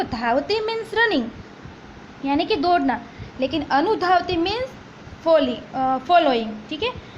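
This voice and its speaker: A woman teacher explaining a textbook story line by line, mixing languages and often checking with "ठीक है?". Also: high-pitched. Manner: switches between languages, repeats and checks "ठीक है?". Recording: dull lo-fi recording with faint noise.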